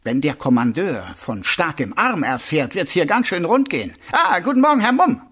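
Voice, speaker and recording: A man's voice: a little high, big pitch swings, moderate pace, fairly bright tone, slightly rough, pitched above the performer's own voice, heavily acted. A man voicing a middle-aged male watch sergeant who rambles and hesitates, full of ums and restarts, in a storybook reading. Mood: musing.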